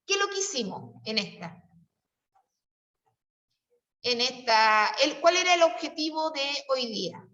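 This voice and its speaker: A woman's voice: high voice, sing-song, measured pace, long pauses, bright, forceful tone. A Chilean woman teaching a class, explaining patiently and coaxing her students with questions. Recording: distant, roomy and dull-sounding.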